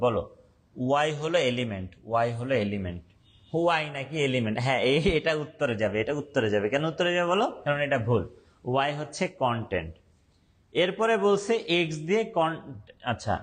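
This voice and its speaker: A young man teaching an online class, speaking slowly and deliberately, repeating points and quizzing his students. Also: on the high side.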